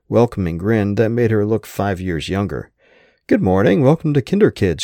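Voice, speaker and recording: A man's voice: lowish voice, a little mellow, no echo. A man reading a first-person story aloud with a dry, wry storytelling manner on a close microphone. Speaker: narrator. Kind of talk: first-person audiobook narration.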